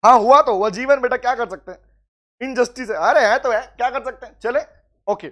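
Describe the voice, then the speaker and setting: A man with an Indian accent teaching law in a live online class, calling students by name, reading questions slowly and then explaining. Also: very high-pitched, fairly bright tone. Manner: addresses students as "beta", mixes Hindi and English, reads questions aloud slowly.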